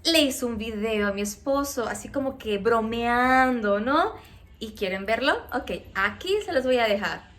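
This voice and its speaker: A woman with a Mexican accent, casually telling viewers a personal story in a chatty, animated way, often checking in with them. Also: a little high, a little slow. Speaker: vlogger.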